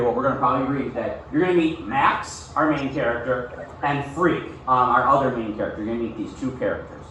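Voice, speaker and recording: This man's voice is fairly high and fairly bright as he gives an instructional classroom lesson with read-aloud, frequently pausing for quick questions to the students. It's recorded from a distance in an echoey room with faint background noise.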